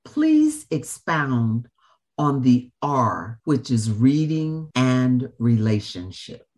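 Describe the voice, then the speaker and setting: A woman hosting an interview in a formal, measured and emphatic manner, with deliberate phrasing. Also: rumbling low, very animated, darkish tone. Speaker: show host and interviewer. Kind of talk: formal scripted introduction and interview.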